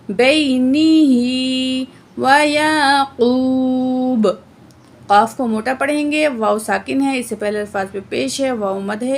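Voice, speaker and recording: A woman teaching Quran recitation word by word, explaining the rules plainly and reciting verses slowly with drawn-out sounds. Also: fairly high pitch, gravelly. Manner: often adds "theek hai" to check understanding. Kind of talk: slow word-by-word recitation lesson.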